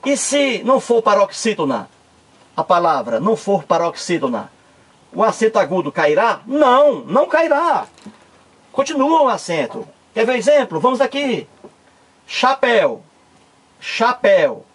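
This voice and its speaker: Man, Cearense accent, grammar teacher, emphatic, repetitive, high lively pitch, husky. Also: normal speed. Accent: Cearense Brazilian Portuguese. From Ceará, Brazil. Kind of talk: grammar lesson.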